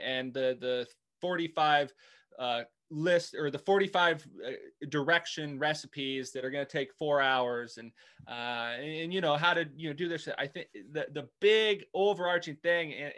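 A man's voice: on the high side, a bit bright. A man as a guest in a casual interview, hesitant and full of restarts. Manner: hesitant, many restarts and fillers.

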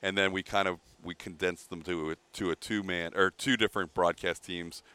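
A man's voice: deep voice, steady tone, moderate pace, sharp tone, clear, resonant tone, dry recording. A man, a sports broadcaster guest, recalling past broadcast teams in an easygoing, matter-of-fact way. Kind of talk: casual chat.

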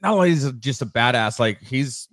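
A man's voice: mid-range voice, animated, a little fast, a bit bright, no room sound. A man hosting a podcast, reading sponsor spots and chatting casually, often swearing and joking. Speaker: podcast host. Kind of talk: casual chat and sponsor reads.

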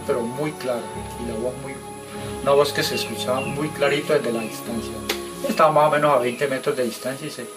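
A man with a Colombian Spanish accent tells his story in a halting, repetitive way, acting out the dialogue as he goes. His voice sounds distant from the microphone. Music runs underneath him the whole time. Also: medium pitch. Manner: hesitant storytelling, quoting dialogue. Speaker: witness caller. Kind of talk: recorded testimony.

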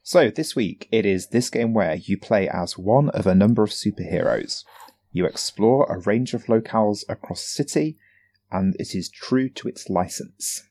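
Podcast co-host, male, deep voice, chatty and explanatory. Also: normal speed, mellow. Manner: chatty, explains games at length. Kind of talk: casual podcast chat.

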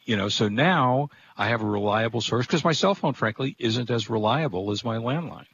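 A man's voice: mid-range voice, animated, normal speed, fairly bright tone. A middle-aged or older man co-hosting a talk show, chatting casually in a plain-spoken, rambling way. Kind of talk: casual chat. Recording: dull, noisy lo-fi audio.

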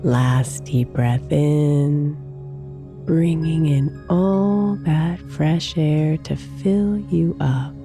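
Meditation host: woman, deep register, very unhurried, soft and soothing, over prominent new-age music. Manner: soft, soothing, gently drawn out. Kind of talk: guided meditation narration. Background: new-age music with singing bowls.

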